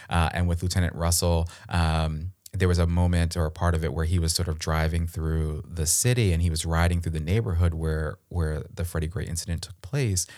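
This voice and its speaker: Man, very low voice, podcast co-host, earnest and reflective, lots of restarts and fillers. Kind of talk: casual conversational discussion.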